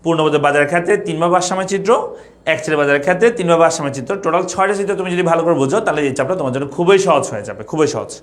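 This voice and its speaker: A man's voice: a little high, rapid-fire. A young man from Bangladesh teaching an economics class online, repeating points and asking students questions. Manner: repetitive, asks students questions.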